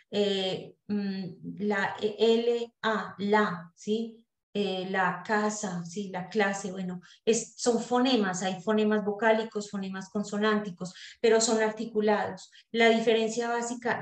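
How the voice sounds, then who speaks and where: A woman explains a concept to her study group at a deliberate pace, pausing on "eh" and checking that everyone follows. Her voice sits at an ordinary middle pitch. The room around her sounds echoey. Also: a little mellow. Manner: deliberate, hesitant, with frequent "eh" pauses and rhetorical checks. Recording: roomy echo.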